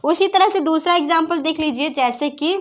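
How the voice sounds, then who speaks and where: A woman with a high voice teaches a grammar class. She talks patiently and works through examples. She keeps asking her students questions, then answers them herself. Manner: repeats questions to students, addresses them as friends; patient, explains slowly with examples. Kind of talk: online class lesson.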